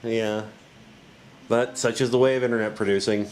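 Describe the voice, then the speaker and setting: A laid-back man co-hosts a casual commentary chat with a self-deprecating edge. His voice sits at an ordinary middle pitch, and he chuckles between remarks. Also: fairly even intonation, normal speed, background noise. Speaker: video commentary co-host.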